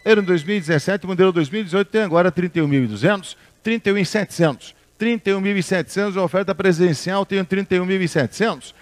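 A man's voice: high-pitched, fast, few pauses. A man working as an auctioneer, repeating bids at a car auction and formally addressing the bidders.

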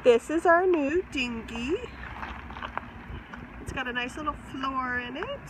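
Woman, high voice, cheerful casual vlogger, outdoor phone sound from a distance. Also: slow, noisy background. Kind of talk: casual video diary.

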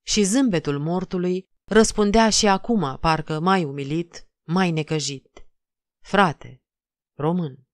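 A woman narrating an audiobook of a classic novel in a measured, dramatic reading. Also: fairly low pitch, dry recording, studio quality. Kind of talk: scripted literary narration.

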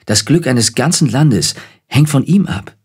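Male reader voicing an earnest young nobleman, husky, mid-pitched, storybook. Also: animated, unhurried, a little mellow. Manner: earnest and advising. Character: earnest young nobleman, protective older brother.

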